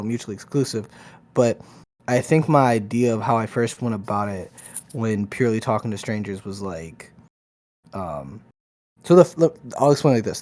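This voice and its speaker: A man's voice: fairly low pitch, a little mellow. A man co-hosting a podcast, recounting his own experience in casual chat, hesitant and full of restarts. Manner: hesitant storytelling with many restarts. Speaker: podcast co-host.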